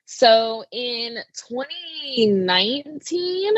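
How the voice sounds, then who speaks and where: A woman's voice: on the high side, animated, extremely slow, muffled recording, slight background noise. A young woman wrestler talking casually in an interview, with lots of "like" fillers. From Arizona. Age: young adult. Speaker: wrestler guest.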